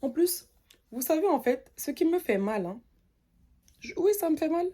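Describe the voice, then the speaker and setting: A young woman from French Guiana telling an animated, indignant story in a casual rant. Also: sits high, normal speed. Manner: animated, indignant, mimics others' voices. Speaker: content creator.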